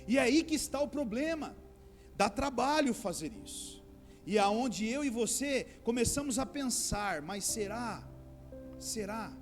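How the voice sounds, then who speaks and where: High-voiced preaching pastor, faint music. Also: male voice, expressive, measured pace. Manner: preaching with rising, pleading outbursts; addresses listeners as brothers. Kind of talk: sermon.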